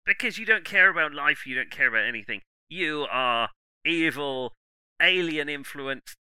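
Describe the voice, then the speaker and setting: A man's voice: a little high, expressive, normal speed, bright, forceful tone, smooth, no room sound, poor audio. A man voicing a nervous, indoctrinated young stormtrooper who talks stiffly and recites slogans. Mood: defiant. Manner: rigid, defensive, recites slogans.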